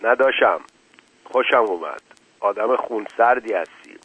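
A man's voice: on the low side, animated, breathy edge, no echo. A man voicing a short-tempered, bullying male gambler who snaps curtly. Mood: gruff. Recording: dull lo-fi dry recording.

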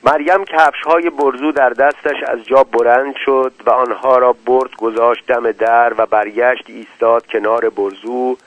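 A man tells a story in dramatic scripted narration at a mid pitch. His loudness rises and falls widely with the scene. The recording is dull and lo-fi, dry and close. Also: fairly even intonation, few pauses, no room sound. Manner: dramatic, with big swings in loudness.

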